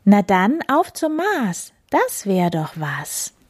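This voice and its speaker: A woman's voice: medium pitch, huge pitch swings, slow pace, slightly rough, full character voice. A woman voicing a small, curious male raccoon in a children's story. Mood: cheerful.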